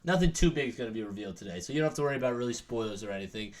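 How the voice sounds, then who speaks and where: A young man hosting a casual podcast chat, animated and swearing freely as he talks sports. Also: mid-range voice, very fast. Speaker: podcast host.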